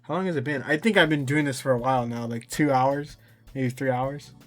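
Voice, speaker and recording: A tutorial video maker talks through a casual gameplay tutorial in a mid-range voice, moving briskly over soft background music. He's informal and a bit rambling, often poking fun at himself.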